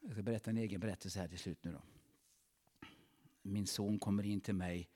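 A man's voice: deep voice, fairly even intonation, dark tone. A man preaching a fervent sermon in a church, calling out praises between his points. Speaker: pastor.

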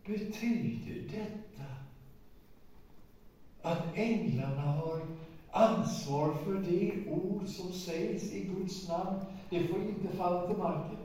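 A man in his nineties telling a story in a sermon, emphatic and slowing down for weight. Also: high-pitched, dark tone. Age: 90s. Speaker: preacher. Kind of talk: sermon testimony. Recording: echoey hall, distant mic, faint noise.

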